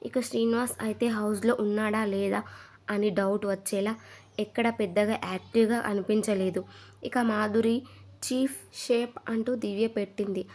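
A woman narrating a dramatic episode recap; she gets louder when retelling arguments. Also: medium pitch, fairly even intonation, moderate pace.

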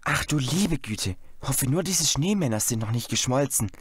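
A man's voice: mid-range voice, lively intonation, normal speed, a little hiss or hum, lightly acted. A man voicing a keen, bossy boy who leads a gang of children, in a storybook reading, commanding and urgent. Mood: anxious whisper.

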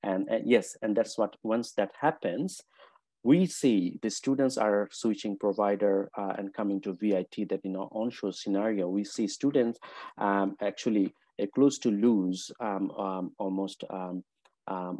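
Man, webinar presenter, halting speech full of ums, lowish pitch, mellow tone, dry close sound. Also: dry recording. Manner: halting, many fillers and restarts. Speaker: presenter for a college.

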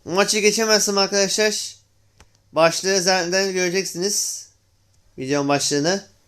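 A man's voice: high voice, steady tone, unhurried, fairly bright tone, clean tone. A young man hosting a gaming channel, giving casual commentary on his play, exclaiming in frustration and talking to viewers as friends.

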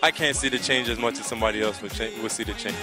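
A man in his thirties from Connecticut, United States, with an American accent and a lowish voice, answers interview questions at a racing pace. He is a soca singer being interviewed outdoors by a riverside, replying earnestly and conversationally into a handheld mic held close to his mouth. Loud music plays behind his voice.

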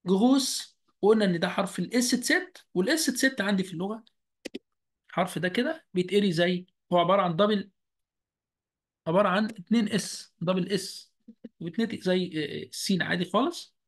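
Egyptian man slowly teaching German. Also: sits high. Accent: Egyptian Arabic. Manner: slow, repeats each word deliberately. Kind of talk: online language lesson. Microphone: video call.

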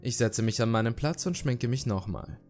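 A man reading a horror story aloud in steady, measured narration. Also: medium pitch. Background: background music.

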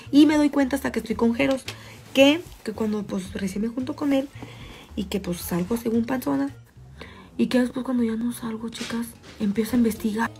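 A young woman with a Mexican accent, chatting frankly and crudely to her viewers in a casual vlog. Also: fairly high pitch. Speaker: vlogger.

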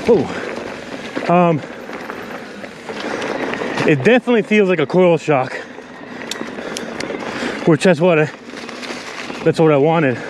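A man rides hard down a forest trail and calls out his thoughts over the ride, loud, high and excited. He sounds out of breath between his remarks, and the sound comes from an action camera on the handlebars. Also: slow, pauses often, background noise. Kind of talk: riding commentary.

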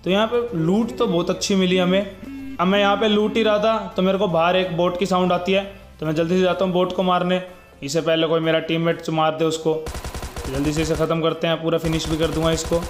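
As a gaming YouTuber, a young man gives casual, chatty voice-over commentary on his gameplay, speaking directly to viewers and constantly calling them "guys" and "bhai." His voice is high with fairly even intonation and a brisk pace, and faint music plays behind him.

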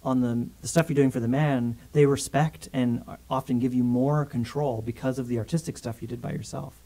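In a small studio with a grey backdrop, a filmmaker in his thirties from Canada chats casually in an interview, speaking briskly in a mid-range voice. He's animated and uses his hands a great deal while talking into a condenser mic on a stand.

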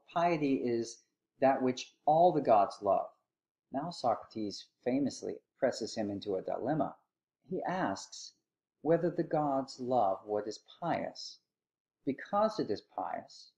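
A man delivers a recorded philosophy lecture at a middling pitch. He tells it as a lively story and acts out the quotes with a sarcastic edge.

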